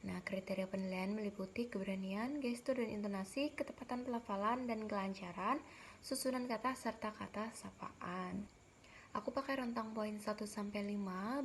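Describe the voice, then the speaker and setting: A woman's voice: mid-range voice, a little hiss or hum. A young woman presenting a course assignment, explaining a grading rubric in a chatty, slangy, upbeat way. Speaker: graduate student presenting an assignment. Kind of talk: casual explanatory lesson.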